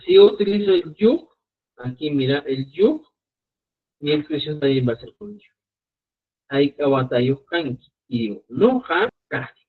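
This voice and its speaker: A man's voice: a little high, sing-song, moderate pace, long pauses. A man teaching a live online language lesson, explaining patiently and often checking whether his students follow. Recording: tinny phone-like audio.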